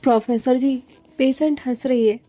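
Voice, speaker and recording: A woman's voice: on the high side, steady tone, normal speed, vocal fry, a little mellow, soft background music. A woman reading the lines of a cheeky young woman who teases her friends, in a storybook. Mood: teasing. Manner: teasing.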